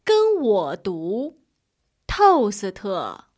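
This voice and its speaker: Slow, lilting strict tutor, drills each line. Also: female voice, medium pitch, huge pitch swings, darkish tone, exaggerated voice. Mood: instructive. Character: strict young female Chinese tutor. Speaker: tutor in a lesson dialogue.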